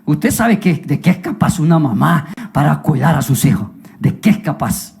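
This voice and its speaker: A preacher tells the story in a dramatized sermon, with swings between loud, bright moments and hushed passages. Humorous asides and direct questions to the congregation keep the delivery lively. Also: medium pitch, moderate pace, creaky.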